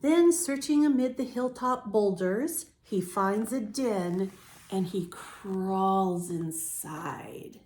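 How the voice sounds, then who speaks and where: A storytime host reads a picture book to young children, her mid-range voice a little mellow. She phrases things deliberately, drawing the words out.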